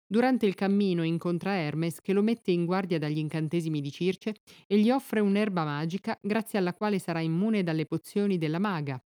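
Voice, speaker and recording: Low, mellow woman reading epic verse. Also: fairly quick, few pauses, no echo, studio quality. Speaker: narrator. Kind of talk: reading epic poetry aloud.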